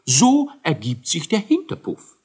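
A fretful little dwarf scientist whines and stammers in a storybook reading, as a man puts him on. His voice sits very high, husky and loud. He fusses over his science in a rising, anxious way. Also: huge pitch swings, a little slow, full character voice. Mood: lecturing. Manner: whiny, fretful, hesitant. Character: fussy, nervous male dwarf scientist. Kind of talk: audiobook character voice.

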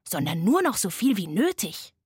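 A woman voicing a grumpy but easygoing sloth in a bedtime story, with gruff, slangy, drawling speech. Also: mid-range voice, sing-song, moderate pace, a little mellow, dry recording, studio quality. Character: grumpy, laid-back lazy sloth.

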